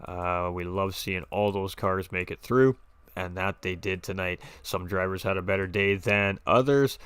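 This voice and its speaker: A man doing live-stream sim racing commentary, chatty and excitable, reading chat aloud from a home streaming setup. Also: low voice, a little slow, clear, resonant tone.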